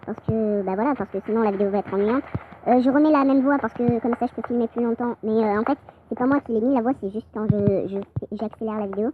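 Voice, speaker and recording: Chatty woman with a sped-up pitched voice. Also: fast. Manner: excitable, chatty, frequent exclamations. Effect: voice sped up and pitched higher. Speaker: game channel host. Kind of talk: casual gameplay commentary. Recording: dull lo-fi audio with clear noise.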